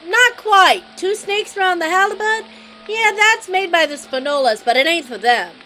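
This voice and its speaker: A woman's voice: very high voice, animated, moderate pace, pushed and bright, a little hiss or hum, pitched above the performer's own voice, full character voice, low-quality recording. A woman voicing a sleazy, swaggering middle-aged male mobster with a put-on New Jersey accent, reading game dialogue on a live stream. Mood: explaining. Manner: brash, teasing mob-guy drawl.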